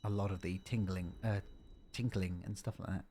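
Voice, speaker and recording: A man's voice: low-pitched, fairly even intonation, normal speed, mellow, a little hiss or hum. A man streaming a game, giving casual, chatty commentary with rambling asides. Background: game music.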